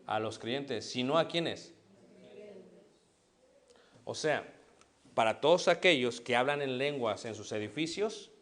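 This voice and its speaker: A middle-aged man preaching a sermon in a Mexican accent. He puts questions to the congregation and answers them himself. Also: mid-range voice. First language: Spanish.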